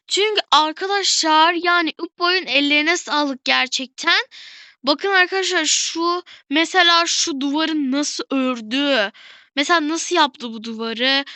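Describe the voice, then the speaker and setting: A woman giving casual gameplay commentary as a channel host, excitable and talking straight to her viewers, gushing over the details she finds. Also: sits high, no echo.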